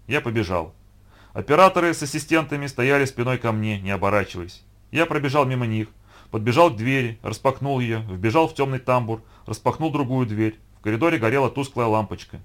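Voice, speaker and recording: A man narrating a first-person story in a steady, even storytelling voice. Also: mid-range voice, brisk. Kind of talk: audiobook reading of first-person prose.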